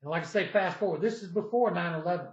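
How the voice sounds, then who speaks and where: Older man, high pitch, meandering personal storyteller, roomy echo. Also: quick pace. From United States. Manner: rambling, repeats himself, acts out dialogue in the retelling. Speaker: vlogger. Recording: echoey, slightly dull room sound.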